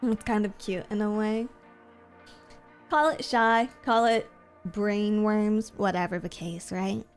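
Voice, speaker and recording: A streamer and VTuber creator chats casually with viewers while gaming, rambling and often repeating her phrases. Her medium-pitched voice is steady, slow and smooth, with soft music in the background.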